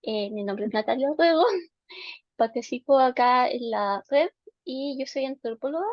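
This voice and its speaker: A woman's voice: sits high, lively intonation, measured pace, dry recording. A woman from Chile with a Chilean Spanish accent, hosting and opening an online talk with a friendly, informal welcome. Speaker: moderator and host of the talk. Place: home, Punta Arenas. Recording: dull lo-fi video call audio.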